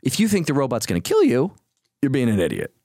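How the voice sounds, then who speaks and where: A man's voice: medium pitch, wildly swooping pitch, fast, darkish tone, dry recording, clean studio sound. A man in a casual podcast conversation, blunt and wisecracking, swearing freely.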